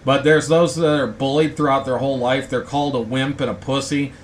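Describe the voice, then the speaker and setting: A man's voice: medium pitch, little pitch movement, fairly quick, a little hiss or hum. A man hosting a casual talk video, rambling in a blunt, indignant way. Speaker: host. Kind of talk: casual ranting chat.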